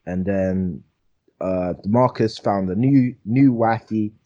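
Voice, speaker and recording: A man's voice: on the low side, slow, mellow, highs cut off. A young man with a London roadman accent hosting a casual, slang-heavy chat, repeating phrases for emphasis. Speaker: podcast host.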